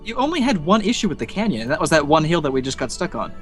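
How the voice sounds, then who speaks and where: A man's voice: on the high side, sing-song, very fast, a bit bright, soft background music. A man co-hosting a gaming stream in casual chat over a group internet call. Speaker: stream co-host.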